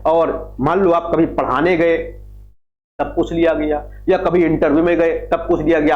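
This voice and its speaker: A male teacher with a high voice that swings widely up and down as he lectures. He keeps asking his class questions and answering them himself, and repeats the key phrases. The room sounds echoey and a little dull. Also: a little mellow. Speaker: Hindi literature teacher. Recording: roomy, slightly dull recording with faint music.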